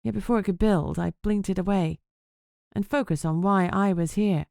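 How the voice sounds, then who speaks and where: A woman's voice: medium pitch, moderate pace, gravelly, mellow, no room sound, studio quality, lightly acted. A woman narrating as a wry vampire journalist. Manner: sarcastic, self-mocking. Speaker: audiobook narrator. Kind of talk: first-person audiobook narration.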